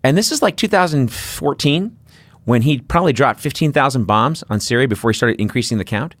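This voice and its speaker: A man's voice: mid-range voice, brisk. A male podcast host ranting bluntly and sarcastically in a political talk show conversation, swearing freely. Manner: blunt, profane, ranting delivery; animated, sarcastic storytelling.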